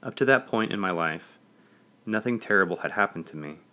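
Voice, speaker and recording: Middle-aged male memoir narrator, low and bright tone, earnest and reflective. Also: lively intonation, a little fast. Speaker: audiobook narrator.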